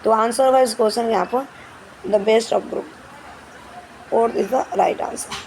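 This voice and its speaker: A woman's voice: a little high, fairly even intonation, a little mellow, a little hiss or hum, rough recording. A woman teacher explaining English grammar questions in Hindi, stepping through each answer and often checking with "ठीक है". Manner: reads English questions slowly and carefully.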